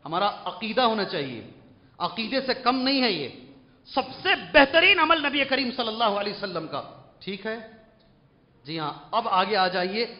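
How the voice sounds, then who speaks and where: A man's voice: sits high, big pitch swings. A male Islamic scholar gives an emphatic Quran commentary lecture, often putting questions to the audience. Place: large mosque hall. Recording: long mosque reverb, dull lo-fi.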